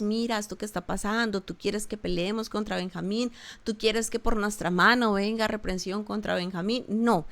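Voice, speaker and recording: A woman's voice: mid-range voice, a bit bright. A woman pastor with a Colombian accent teaching a Bible passage in a conversational sermon, acting out the people's prayers in their voices.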